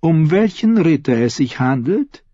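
A man's voice: a little high, big pitch swings, measured pace, mellow, breathy edge, dry recording, pitched above the performer's own voice, heavily acted. A man reading an audiobook and voicing a sly, teasing court lady. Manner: playful, teasing. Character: sly, giggling court lady, a grown woman. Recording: slightly dull, dry recording.

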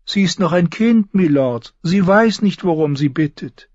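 A man voicing a soft-spoken, pitying court schemer who talks in sighing, drawn-out phrases, in a slightly muffled audiobook recording. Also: high voice, lively intonation, no room sound, pitched above the performer's own voice.

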